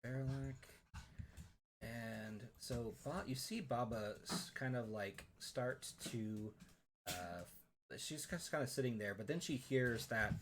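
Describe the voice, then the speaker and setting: A man's voice: mid-range voice, takes it slowly, noisy background. A man narrating as game master, loose and rambling with lots of fillers.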